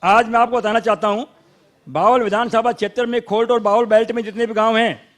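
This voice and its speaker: High-voiced insistent Haryanvi man. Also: fairly even intonation, a little fast. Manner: insistent, argumentative, interrupts to defend his side. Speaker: local supporter of the minister on a debate panel. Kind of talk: heated panel debate.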